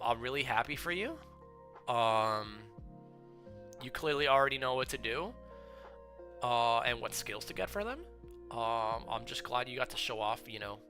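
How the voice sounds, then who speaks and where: A young man streaming casual commentary on viewers' game builds, chatty and full of fillers, with excited outbursts. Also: medium pitch, a little slow, pauses often. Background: faint background music.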